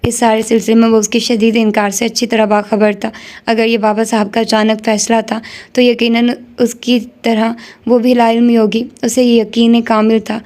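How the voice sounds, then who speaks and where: A woman narrating a novel in a steady, measured reading. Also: fairly high pitch. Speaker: audiobook narrator.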